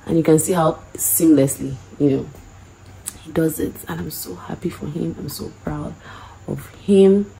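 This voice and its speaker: Tired, calm woman with a low, mellow voice. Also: measured pace, vocal fry, poor audio. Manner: calm, gushing with pride. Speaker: graduate's wife. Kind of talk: casual talk to camera.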